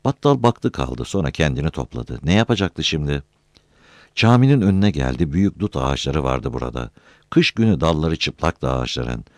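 A man reading a novel aloud as an audiobook narrator, with an expressive storytelling delivery. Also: extremely low pitch, normal speed, no room sound. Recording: dry close recording.

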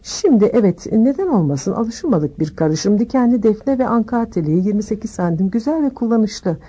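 A woman voicing an eccentric old male wandmaker who talks briskly and insistently, sinking to murmurs. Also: a little high, animated, warm tone, husky, muffled recording, pitched above the performer's own voice.

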